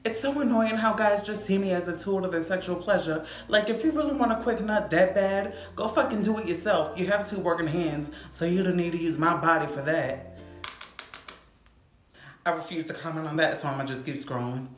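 A young adult woman vlogging casually to camera in a sassy, slangy, expressive way, recorded in an echoey room. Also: fairly low pitch, brisk. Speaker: YouTube vlogger. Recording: echoey room, faint music behind.

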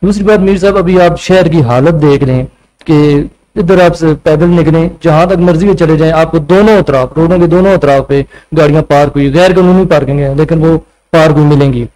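A man's voice: on the high side, a little fast, dark tone, rough recording. A male panel guest with a Punjabi Urdu accent, explaining proposals point by point with many hesitations. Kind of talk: studio panel discussion. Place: TV studio set. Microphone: table mic.

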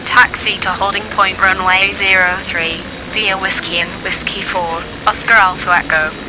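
A woman's voice: little pitch movement, moderate pace. A woman speaking as an airline pilot over the cockpit headset radio, giving clipped, formulaic readbacks to air traffic control. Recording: engine rumble noise behind.

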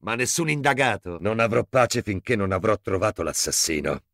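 Gravelly crooked noir cop. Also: male voice, on the low side, animated, moderate pace, a bit bright, dry recording, studio quality. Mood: gruff, sneering. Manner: sneering, gruff tough-guy quips. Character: hard-boiled, crooked, foul-mouthed male cop. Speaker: game character voice lines. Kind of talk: Italian game dub.

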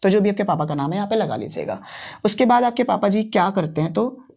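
A man teaching English phrases at a whiteboard, explaining in Hindi and patiently repeating each example phrase slowly several times. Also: high-pitched, lively intonation, gravelly, a little mellow. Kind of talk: bilingual classroom lesson at a whiteboard.

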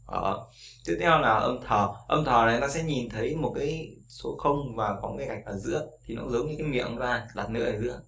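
A man teaching pronunciation in a casual spoken lesson, repeating sounds slowly so learners can copy them. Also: medium pitch, gravelly, a bit bright, a little hiss or hum.

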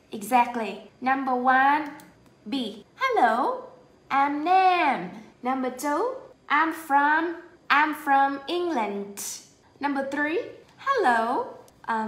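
A woman with a Vietnamese accent teaches English to young pupils in a bright, high voice. She talks slowly and says each word over and over for the class to repeat. The room gives her voice a clear echo. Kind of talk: bilingual lesson for children.

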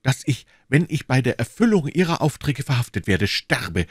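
A man's voice: medium pitch, very animated, normal speed, husky, no echo, studio quality, voice pushed up. A man voicing a bold, devoted young swordsman in an audiobook, eager and declamatory. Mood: ardent. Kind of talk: audiobook reading, acted dialogue.

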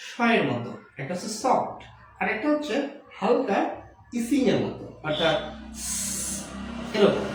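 A Bengali language teacher giving a slow lesson on pronunciation rules, repeating each word and example. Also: mid-range voice. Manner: explains slowly, repeats words and examples. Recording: echoey room recorded from far off.

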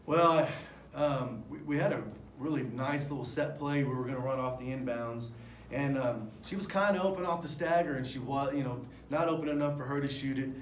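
Here a man in his forties, the head basketball coach, talks candidly after the game into table microphones, his mid-range voice a little fast as he rambles through fillers and restarts. A sponsor backdrop stands behind him in the press room, which sounds echoey with faint noise.

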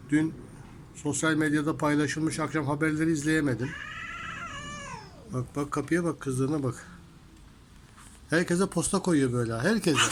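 Fairly high-voiced man cooing at his cats. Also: noisy background. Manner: affectionate baby talk to cats, rising to high teasing tones; indignant about people who harm animals. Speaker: vlogger talking to his cats. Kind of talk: casual talk to pets and viewers. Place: home workshop with cats around.

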